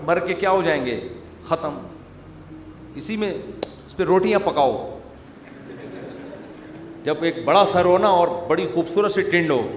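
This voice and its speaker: Male preacher, Pakistani Urdu accent, jokey sermon, roomy recording with faint hiss. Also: high-pitched. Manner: joking, teasing asides to the audience. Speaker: Islamic preacher. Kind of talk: humorous sermon. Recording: echoey hall with faint noise.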